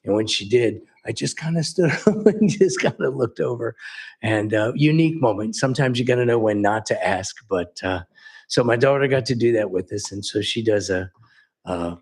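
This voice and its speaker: Chatty husky man telling stories. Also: mid-range voice, lively intonation, moderate pace, a little mellow. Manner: chatty anecdotes, acts out quoted dialogue. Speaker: local music store owner presenting. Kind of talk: storytelling presentation at a council meeting.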